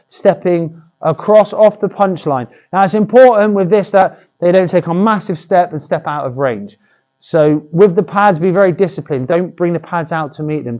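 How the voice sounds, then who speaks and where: A man's voice: a little high, darkish tone, lo-fi sound. A man coaching boxing pad work, demonstrating drills with short cues and encouragement.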